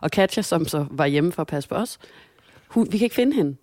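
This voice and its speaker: A woman's voice: on the low side, dry recording. A woman telling a childhood story in a casual chat, acting out what people said with changing voices. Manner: animated, acts out quotes with shifting voices.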